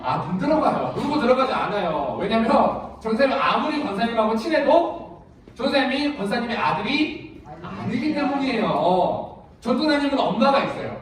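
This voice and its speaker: A very high-pitched man leads a children's sermon at a church retreat, calling kids by name and firing questions at them. He is heard from some distance in a big, booming hall, with a crowd of children behind him. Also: expressive, moderate pace. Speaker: youth ministry pastor. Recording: echoey hall, far from the mic, children's crowd.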